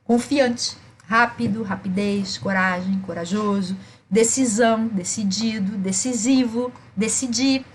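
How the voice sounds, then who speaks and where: A woman's voice: medium pitch, measured pace, a little hiss or hum. A woman presenting a teaching webinar, tagging her sentences with "né?" and reading out lists of words. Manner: frequent "né?" tags, lists words.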